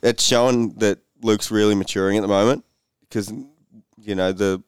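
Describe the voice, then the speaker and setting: Deep, smooth co-host. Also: male voice, steady tone, moderate pace, dry recording, studio quality. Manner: blunt, teasing, pushes the show along. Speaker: podcast co-host. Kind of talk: casual motocross podcast chat.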